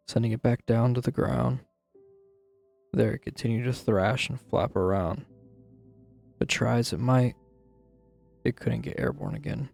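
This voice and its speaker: Heavily acted, a man's gravelly, husky, mid-range voice with a darkish tone plays a troubled narrator confessing a grim childhood memory out of guilt. It's brooding, dramatic horror-story telling with background music.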